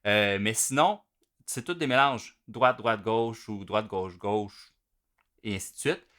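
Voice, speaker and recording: A man, explaining drum rudiments in a relaxed, casual way with many fillers. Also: lowish voice, slow pace. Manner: relaxed, talks through patterns with many fillers. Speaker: drum teacher.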